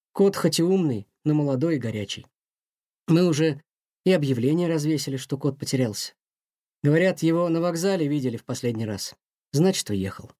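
A man voicing an aging museum director who sighs and speaks softly and kindly. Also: on the high side, dry recording, clean studio sound. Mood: sad, sighing. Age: older. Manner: sighing, soft-spoken, talks kindly to a mouse. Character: weary aging male museum director, gentle and sad.

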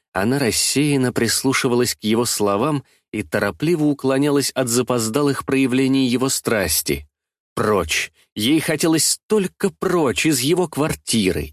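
Man with a mid-range voice, literary audiobook narration, measured and dramatic, dry booth sound. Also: medium pitch, dry recording.

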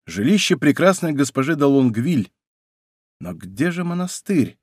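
A man's voice: medium pitch, very animated, unhurried, husky, dry recording, clean studio sound. A man voicing a bold young Gascon musketeer lieutenant in an audiobook, speaking with a Gascon accent in a brash, defiant way. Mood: brisk. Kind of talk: audiobook character voice.

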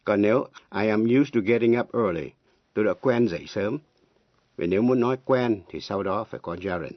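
A man teaching English pronunciation on the radio, slow and deliberate, spelling words out letter by letter. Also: on the low side. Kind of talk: slow radio language lesson. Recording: dull, lo-fi radio broadcast.

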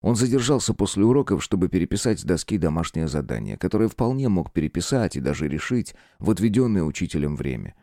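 A man giving a measured, expressive scripted narration of a horror story as an audiobook reader. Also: low-pitched, dry recording, clean studio sound.

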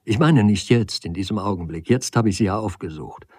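A man reading the part of a proud young woman who speaks in a sharp, reproachful way in a storybook reading. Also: brisk, slightly rough, no echo. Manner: sharp, reproachful, rising pitch.

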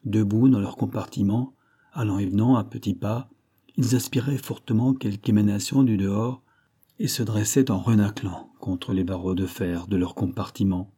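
Male audiobook narrator, low-pitched and mellow, steady measured reading. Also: breathy edge. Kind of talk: scripted narration of a classic novel.

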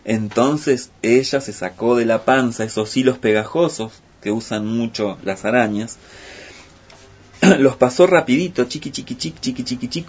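A man telling a folk tale in a lively, playful way. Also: mid-range voice, husky. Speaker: storyteller. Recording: muffled with faint music.

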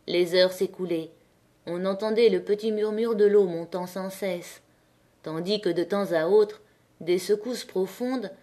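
Expressive woman reading a classic novel. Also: medium pitch. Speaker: audiobook narrator. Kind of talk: audiobook narration of a classic novel.

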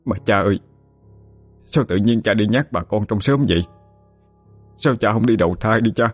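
A man's voice: fairly low pitch, normal speed, husky, faint music behind, pitched above the performer's own voice. A man playing a tearful grown son. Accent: Southern Vietnamese.

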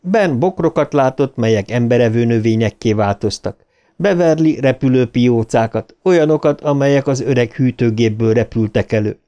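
A man reading an audiobook aloud in an expressive, dramatic narration style. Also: mid-range voice.

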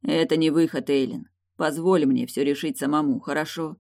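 A woman reading an audiobook voices a restrained, serious young man, measured and firm. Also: deep voice, fairly even intonation, gravelly, warm tone.

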